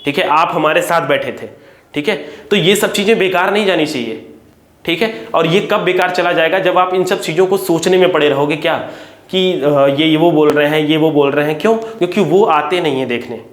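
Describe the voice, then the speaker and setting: Earnest teacher, echoey room. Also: male voice, on the high side, brisk. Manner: earnest, repeats "theek hai" often. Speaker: coaching teacher. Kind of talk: direct-to-camera talk to parents and students.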